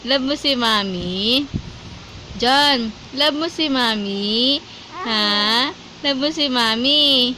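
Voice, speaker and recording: A woman's voice: on the high side, drawn-out words, pauses often, bright, forceful tone, slight background noise. A mother cooing and teasing her baby on camera in a sing-song voice, in a casual home video.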